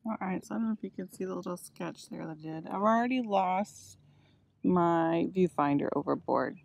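A woman's voice: on the low side, moderate pace, vocal fry, darkish tone, no echo. Chatty middle-aged woman painting from a kayak. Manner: chatty, self-deprecating, thinking aloud. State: hot, slightly out of breath. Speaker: watercolor artist. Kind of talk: casual chat while painting. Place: in a kayak on a lake outdoors. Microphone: phone camera held in hand.

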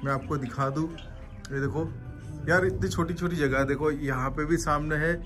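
A man from Gujarat, India, shows viewers around as he walks and keeps urging them to look. His voice sits a little high and he speaks into a camera held at arm's length. Music plays clearly behind him. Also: fairly even intonation, normal speed. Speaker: travel vlogger. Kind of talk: walking tour vlog to camera. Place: underground cafe, then outdoors on city streets.

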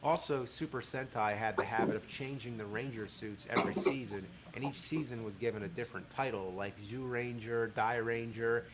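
A man's voice: medium pitch, brisk, hardly any pauses, very noisy. A man narrating a video essay in a conversational way, with wry asides. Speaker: commentator.

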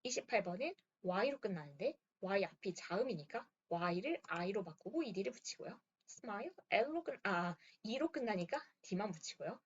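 A woman teacher works through grammar exercises one by one, checking now and then that her students are keeping up. Her voice is a little husky and swings widely in pitch. The recording sounds dull and lo-fi. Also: animated, measured pace, few pauses. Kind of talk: lesson walkthrough.

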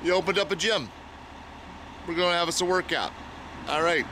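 Man, 40s, camcorder gym tour, mock-serious jokes, slightly high voice, roomy echo, music bed loud. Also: moderate pace, noisy background. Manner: playful, mock-serious commentary. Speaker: gym visitor filming a tour. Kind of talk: joking handheld gym tour. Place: old indoor weightlifting gym.

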